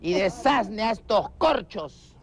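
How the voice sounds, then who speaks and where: A man's voice: sits high, expressive, takes it slowly, creaky, exaggerated voice. A man playing a prim, pretentious wealthy old lady in a TV comedy sketch, with flowery, affected speech.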